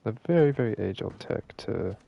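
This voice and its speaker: A man's voice: on the low side, expressive, moderate pace, creaky, warm tone. A man streaming a game and explaining a glitch in casual gameplay commentary, rambling and correcting himself and swearing casually. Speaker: gaming streamer.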